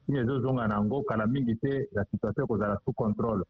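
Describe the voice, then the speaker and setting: In a rapid-fire news interview, a provincial official from the DRC, Congolese-accented, mixes Lingala and French while explaining things. His mid-range voice has fairly even intonation and a breathy edge, with no echo, though the line sounds muffled, dull and lo-fi.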